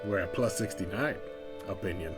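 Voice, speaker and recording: Low-voiced man musing over a strategy game. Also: normal speed, over music. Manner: thinks aloud, musing and second-guessing his moves. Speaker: streamer. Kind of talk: casual live-stream gameplay commentary.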